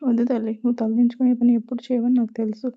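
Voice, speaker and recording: Woman reading a calm, protective dad, quiet and steady, over a tinny phone-like line. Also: fairly high pitch, rapid-fire, no echo, lightly acted. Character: calm, protective middle-aged father.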